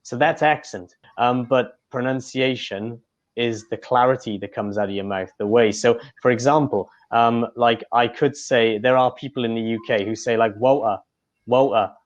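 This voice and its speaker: A man from Wales answers interview questions as an English tutor, chatty and casual, with plenty of fillers. His voice sits at a middle pitch. The sound comes through dull video-call audio. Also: fairly even intonation, moderate pace.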